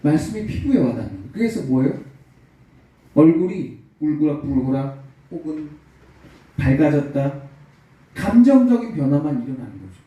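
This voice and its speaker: A man's voice: a little high, big pitch swings, normal speed, pauses often, dark tone, very echoey, recorded from a distance, highs cut off. A male pastor preaching a sermon, telling a story with acted-out quotes and building to emphatic peaks. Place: church sanctuary.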